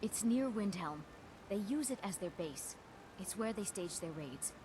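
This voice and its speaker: A woman's voice: medium pitch, lively intonation, unhurried, lightly acted. An actress playing a bitter, vengeful jilted woman in a fantasy video game, with intense, emphatic phrasing. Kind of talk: dramatic video game voice acting. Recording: game audio with clear background noise.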